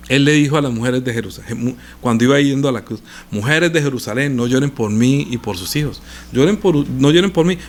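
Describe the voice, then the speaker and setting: A male preacher teaches from the Bible in a loose, conversational way. His voice sits a little high for a man, and he keeps tossing rhetorical questions at his listeners. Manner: animated, rhetorical questions to the congregation.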